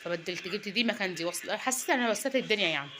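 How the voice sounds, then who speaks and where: A woman's voice: medium pitch, lively intonation. A woman in her thirties with an Egyptian accent, chatting to viewers in a casual home vlog as she cooks and tidies her apartment. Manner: rapid, chatty, addresses viewers directly. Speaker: home vlogger, mother. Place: small apartment indoors. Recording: noisy home phone recording.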